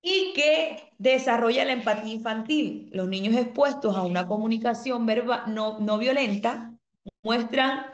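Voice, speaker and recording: A woman teaching an online parenting class, explaining calmly, reading out comments from students and asking the class questions. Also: on the high side, measured pace, reverberant, lo-fi sound, a little hiss or hum. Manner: asks the class rhetorical questions.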